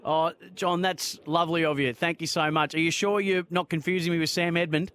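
A man's voice: a little high, fairly even intonation, a little fast, fairly bright tone, smooth. An Australian man hosting sports talk radio, speaking conversationally to listeners and callers. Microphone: close studio microphone.

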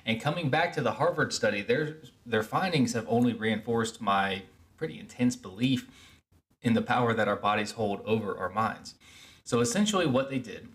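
A man's voice: lowish voice, a bit bright. Earnest man explaining self-help. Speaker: podcast host. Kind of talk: self-help podcast monologue.

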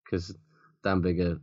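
A man's voice: low voice, a little mellow, dull audio. A man co-hosting a podcast, chatting casually, blunt and sweary, rambling through his points. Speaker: podcast co-host. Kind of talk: casual sports chat.

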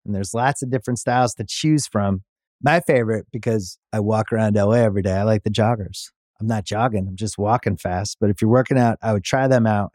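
A man's voice: medium pitch, a little mellow, no room sound, clean studio sound. Man reading an ad chattily. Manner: chatty, personal. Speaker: ad reader. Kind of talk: read sponsor ad.

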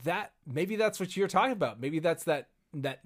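A man in casual podcast chat, talking animatedly and acting out characters in quick high-pitched bits. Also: expressive.

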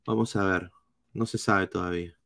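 A man with a Peruvian accent doing live football analysis, reading chat comments in a blunt, swearing style with halting restarts. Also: sits low, fairly even intonation, creaky, fairly bright tone. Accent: Peruvian Spanish. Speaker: football streamer.

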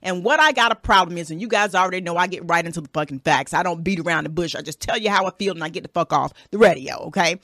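A woman in her thirties hosts a solo podcast, speaking fast with hardly any pauses in a fairly low, bright, forceful voice. Her casual advice monologue is blunt and profane, and she often tacks "okay?" onto her points. The studio sound is clean, with no echo.

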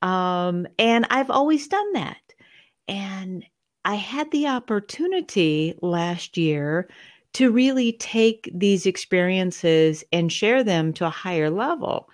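A woman's voice: lowish voice, a little mellow. A middle-aged woman, a guest author, telling stories about her mother in a podcast interview.

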